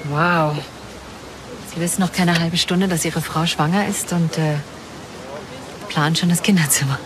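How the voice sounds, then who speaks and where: An actress playing a kind, reassuring hospital doctor in a TV drama, gentle and matter-of-fact. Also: female voice, fairly low pitch, fairly even intonation, a little slow, noisy background, close to an everyday voice. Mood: friendly, curious.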